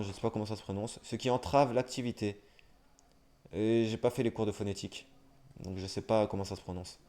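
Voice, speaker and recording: A young man streaming live, reading dictionary entries aloud at a brisk clip and breaking off for wry, self-mocking asides. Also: fairly low pitch, dark tone. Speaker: livestreamer.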